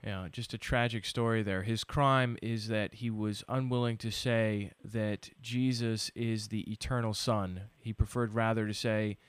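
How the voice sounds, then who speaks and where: A man's voice: on the low side, steady tone, measured pace, few pauses, smooth, dry recording. A man hosting a show, interviewing a guest in a conversational way. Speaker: radio show host.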